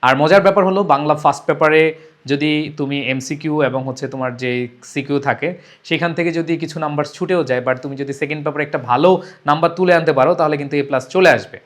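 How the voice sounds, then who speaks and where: Emphatic high-voiced male teacher. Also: fairly even intonation, fast talker. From Bangladesh. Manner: emphatic, repeats key points, mixes in English words. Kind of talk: exam-prep lesson.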